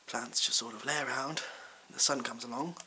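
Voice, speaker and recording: A man plays a bumbling male supply teacher in an ASMR role-play. The voice is crisp-edged and bright at an ordinary male pitch, hesitant and rambling, bluffing through the lesson with deadpan self-importance. A faint hiss sits behind it. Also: moderate pace. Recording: hissy background noise.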